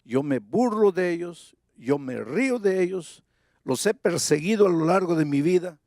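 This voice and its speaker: A male preacher lowers his voice into a tearful old man of about eighty, soft and halting as he confesses. The sound is dry and close, with hardly any room around it. The words come slowly and hesitantly. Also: animated, no echo. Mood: pleading.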